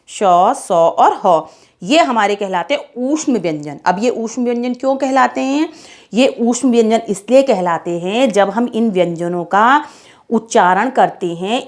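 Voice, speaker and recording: A woman teaching a children's alphabet lesson, reciting letters slowly and repeating her own questions and answers for the pupils. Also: a little high.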